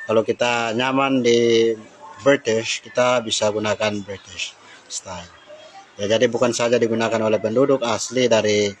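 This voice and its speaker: A man's voice: mid-range voice, a little hiss or hum, rough recording. A man teaching an informal English lesson, talking with frequent hesitations and switching into English phrases. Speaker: English tutor.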